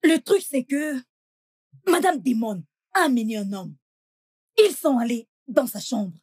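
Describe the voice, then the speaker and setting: A woman dubbing the role of a pious, excitable young housemaid who prays loudly and dramatically. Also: sits high, breathy edge, no room sound, studio quality, heavily acted. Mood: earnest. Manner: loud pleading prayer, drawn-out chanting. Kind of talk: dubbed film acting.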